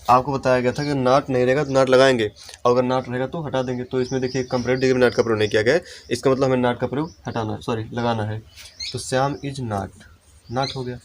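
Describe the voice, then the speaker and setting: Man teaching grammar, dictating slowly. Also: mid-range voice, slight background noise. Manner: explains step by step, slows to dictate example sentences. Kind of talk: Hindi-language classroom lesson.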